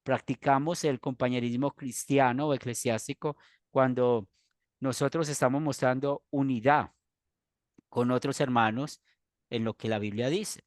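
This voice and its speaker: A man, a pastor teaching a church doctrine class in an earnest, explanatory way with pauses and restarts. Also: medium pitch, dry recording, studio quality.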